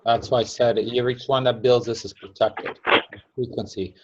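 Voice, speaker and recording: A man casually explaining a story in slow, emphatic phrases that trail off softly. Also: mid-range voice, fairly even intonation, highs cut off, very noisy.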